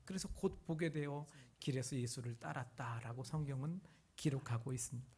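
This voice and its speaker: A man's voice: medium pitch, fairly quick, a little mellow. A man pastor preaching a sermon, retelling a story with dramatic acted-out cries.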